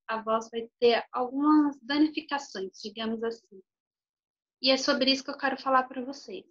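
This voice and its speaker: A woman's voice: on the high side, a bit bright. Woman speech therapist on a video call, explanatory and chatty, slightly muffled lo-fi sound. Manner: explanatory, uses frequent "tá bom?" check-ins. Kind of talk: informal health talk.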